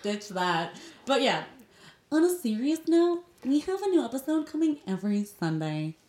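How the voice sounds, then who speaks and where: A young woman co-hosting a casual podcast chat, playful and quick to laugh. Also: fairly high pitch, big pitch swings, darkish tone, reverberant. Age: young adult. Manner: giggly, playful. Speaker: podcast co-host.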